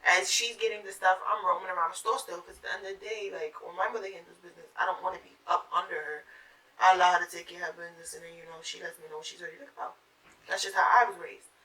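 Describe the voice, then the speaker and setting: A young woman tells a profane, animated story while doing her makeup and acts out what everyone said. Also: on the low side, rapid-fire, far from the mic. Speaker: beauty vlogger. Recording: roomy sound, mic set back.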